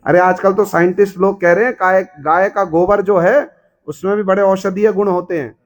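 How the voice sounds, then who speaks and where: A man preaches in a devotional storytelling style. His voice sits high for a man. He keeps turning to his listeners with rhetorical questions and slips into the characters' voices as he tells the story. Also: steady tone, normal speed. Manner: asks the audience rhetorical questions, acts out characters.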